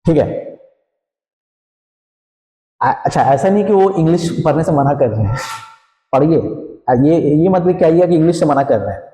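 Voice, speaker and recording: A man teaches a class, explaining in a mellow voice that sits a little high. He keeps asking questions back to the students and checking they follow. The sound is roomy, with a long reverb trailing off the walls. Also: animated, moderate pace, long pauses. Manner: explains in Hinglish with frequent "theek hai" check-ins and rhetorical questions. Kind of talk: classroom lecture.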